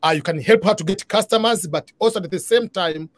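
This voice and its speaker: A man's voice: high-pitched, a little fast, no room sound. A middle-aged man hosting a live online interview from his living room over a video call, earnest and full of fillers. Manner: earnest, restarting, many uh fillers. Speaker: interview host.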